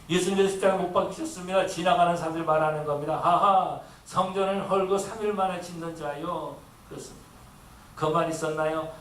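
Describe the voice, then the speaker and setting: A man's voice: on the high side, a little hiss or hum. A male pastor preaching an earnest sermon and acting out the voices in the stories he tells. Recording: echoey room from a distance with faint ambience.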